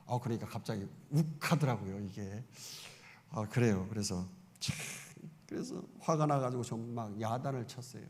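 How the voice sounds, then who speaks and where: Fervent middle-aged pastor in a reverberant hall. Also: male voice, medium pitch, moderate pace. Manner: fervent, emphatic preaching with sudden loud exclamations; conversational asides and rhetorical questions to the congregation. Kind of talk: Sunday sermon. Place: church sanctuary. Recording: long church-hall reverb.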